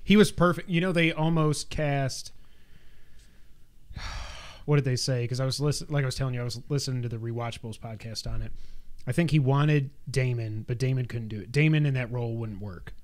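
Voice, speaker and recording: A man's voice: mid-range voice, a little fast. A man co-hosting a podcast, chatting casually and enthusiastically. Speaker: podcast co-host. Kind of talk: casual chat.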